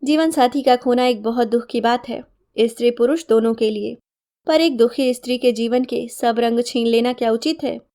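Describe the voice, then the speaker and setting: A woman voicing a calm, gentle husband who earnestly argues against old customs in a storybook reading. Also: fairly high pitch, moderate pace, lightly acted. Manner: earnest, persuasive.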